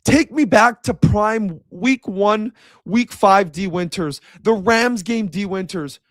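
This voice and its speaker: A man's voice: high voice, slow, no room sound, clean studio sound. A young man giving a heated, blunt reaction rant as a sports commentator. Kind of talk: ranting reaction video.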